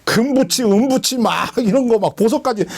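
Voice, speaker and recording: A preacher acting as a stern old prophet scolding. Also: male voice, very high-pitched, moderate pace. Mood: urgent scolding. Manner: exhorting, scolding, rising to shouts. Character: stern elderly prophet scolding a frightened people.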